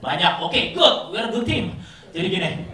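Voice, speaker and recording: Stand-up comic, male, high voice, foul-mouthed rants, miked far off in a booming hall. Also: sing-song, normal speed, bright, forceful tone. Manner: crude, ranting, mixes English phrases. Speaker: stand-up comedian. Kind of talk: stand-up comedy set. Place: live event hall with audience. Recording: very echoey hall, distant mic, audience.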